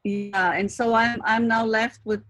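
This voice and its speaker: A woman student speaking in brief, halting remarks on a video call, her audio cutting in and out over a weak connection. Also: a little high, steady tone, fairly bright tone, dry recording. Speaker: design student in a class critique. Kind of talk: casual chat on a video call. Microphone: laptop or computer mic on a video call.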